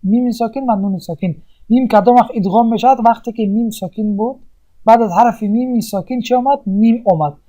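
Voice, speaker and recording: A recitation teacher giving a tajweed lesson, explaining step by step with pauses and asking and answering their own questions. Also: medium pitch, dark tone.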